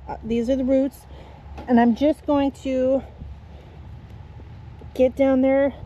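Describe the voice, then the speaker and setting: A woman's voice: high-pitched, warm tone, a little hiss or hum. A woman flower farmer, chatty, explaining step by step outdoors in her garden. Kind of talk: casual gardening tutorial.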